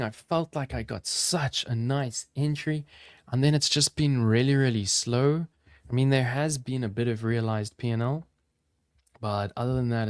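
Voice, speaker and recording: Talking casually to his chat viewers, an upbeat crypto trading stream host keeps the live commentary flowing. He's from South Africa, though his accent has drifted toward American, and his smooth, medium-pitched voice comes through in studio quality with no room sound.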